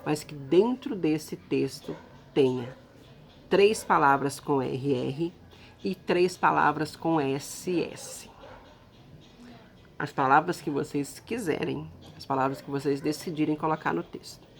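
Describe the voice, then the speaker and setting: Slow, low-voiced woman teaching a lesson. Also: gravelly. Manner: patient, step-by-step explaining with check-in questions. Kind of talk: recorded classroom lesson.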